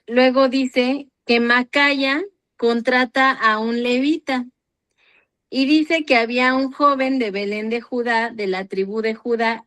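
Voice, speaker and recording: A woman with a somewhat high voice leads a Bible reading circle at an unhurried pace. She reads scripture passages aloud and adds her own comments on them. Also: a bit bright.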